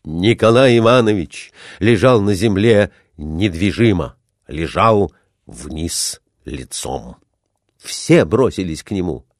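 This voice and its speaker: A man narrating an audiobook chapter in an expressive manner, voicing the characters. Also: low voice, slow pace, dry recording, clean studio sound. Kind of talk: audiobook reading.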